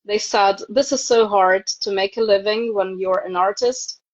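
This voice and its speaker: With a mid-range voice, steady tone, and normal speed, a native Ukrainian speaker in her thirties chats casually as an interview guest on a video call. Her Ukrainian accent comes through a dull, lo-fi video live stream.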